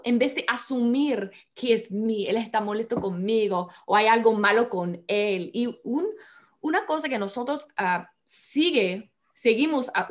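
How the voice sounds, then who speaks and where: A woman chatting earnestly with a partner, haltingly with many restarts. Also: medium pitch. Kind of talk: casual chat about marriage.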